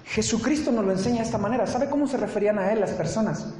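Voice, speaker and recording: Higher-voiced man preaching in an echoey church. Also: racing, noisy background. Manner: conversational preaching, asks the congregation questions, joking asides. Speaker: pastor. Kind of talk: sermon.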